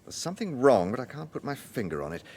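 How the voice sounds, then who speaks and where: An actor playing a polite, weary British gentleman police inspector in a radio drama, measured and quietly probing. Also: medium pitch, big pitch swings. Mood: wry, pensive.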